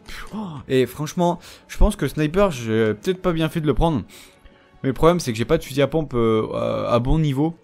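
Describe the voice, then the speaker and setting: A man's voice: fairly high pitch, animated, brisk, vocal fry, a little mellow, faint music behind. Chatty man taunting game enemies. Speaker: gameplay commentator. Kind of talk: casual let's-play commentary.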